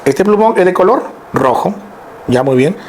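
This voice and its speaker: High-voiced male teacher, lively lecture. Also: moderate pace, a little hiss or hum. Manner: lively, explains step by step, keeps checking in with listeners. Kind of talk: classroom lecture on word roots.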